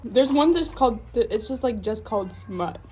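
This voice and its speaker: A woman's voice: a little high, lively intonation, moderate pace, warm tone, a little hiss or hum. A young woman chatting casually and reading fanfiction aloud with a friend, often breaking into giggles. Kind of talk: casual chat.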